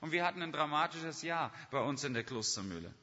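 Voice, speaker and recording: A man's voice: on the high side, expressive, brisk, bright, forceful tone. A man preaching a sermon, pressing his listeners with repeated rhetorical questions. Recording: long hall reverb, dull lo-fi sound.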